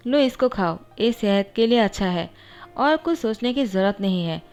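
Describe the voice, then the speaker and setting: A woman's voice: medium pitch, expressive, moderate pace, a little mellow, clean tone, soft background music, lightly acted. A woman voicing a weary, curt young male doctor in a storybook-style reading.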